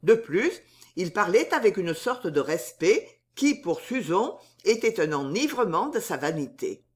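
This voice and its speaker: A woman reading an audiobook aloud as narrator, in slow, expressive scripted narration. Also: on the low side.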